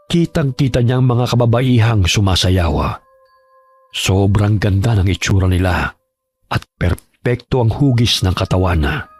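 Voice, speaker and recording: A man narrating a scripted horror story in a steady, measured way. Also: on the low side, slightly rough.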